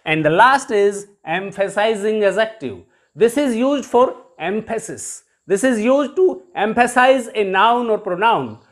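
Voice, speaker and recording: Slow, deliberate Indian English teacher. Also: mid-range voice, expressive. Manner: deliberate, repeats examples as question and answer. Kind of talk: televised classroom grammar lesson.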